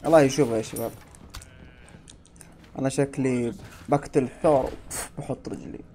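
A man commentating casually on his own gameplay, talking to viewers and yelling at enemies. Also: mid-range voice, normal speed, a little hiss or hum. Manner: excitable, talks to himself and viewers, shouts at enemies. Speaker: gameplay streamer.

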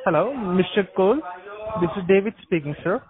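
High-pitched man over a tinny phone line. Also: expressive, fairly quick, a crowd in the background. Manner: repeatedly checking he can be heard. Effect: heard over a phone line. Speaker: phone caller.

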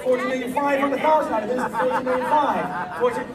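A man working as an auctioneer, rapidly calling out bids in a repetitive chant in a large crowded hall. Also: very high voice. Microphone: PA speakers heard from a phone in the crowd. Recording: echoey hall from far off, loud crowd. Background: loud excited crowd.

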